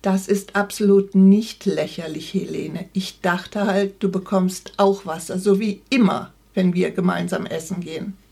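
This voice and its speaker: A woman's voice: on the low side, fairly even intonation, unhurried, vocal fry, hardly any pauses, warm tone, breathy edge, full character voice. Woman reading a stubborn, habit-bound husband. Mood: hurt. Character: stubborn middle-aged husband, set in habits.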